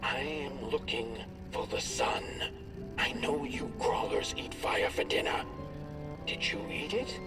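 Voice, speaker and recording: A man voicing the Merkle, a small lonely female tree creature searching for the sun, in a high pleading voice. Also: slow pace, long reverb tail. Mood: anxious. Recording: distant voice with music behind.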